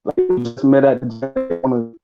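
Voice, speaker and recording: A blunt, matter-of-fact man chatting on a live show, his voice dropping in and out as the call connection glitches. The audio is dull and lo-fi, and his pitch sits in an ordinary middle range. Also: big pitch swings, normal speed, soft background music. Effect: call audio breaking up and cutting out. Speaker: co-host. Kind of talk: casual live talk show chat.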